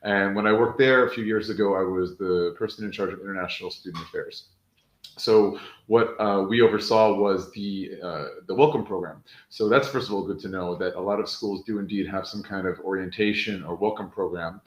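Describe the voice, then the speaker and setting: An American man with a lowish voice explains things in a relaxed, fluent way. His voice carries a noticeable room echo, as if he were on a video call from a bare room. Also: a little fast, muffled recording. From United States. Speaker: panel speaker, former student affairs officer. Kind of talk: webinar panel talk. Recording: roomy echo.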